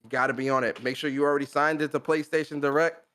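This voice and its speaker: Man, podcast co-host, casual chat, excitable, repeats words. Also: fairly high pitch, fast. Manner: excitable, hyped, laughs often, repeats words.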